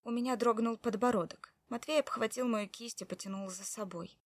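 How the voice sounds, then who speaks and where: A woman narrating a first-person audiobook, reading in an emotional, expressive way. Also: a little high, a little fast, no room sound, clean studio sound, recorded from a distance.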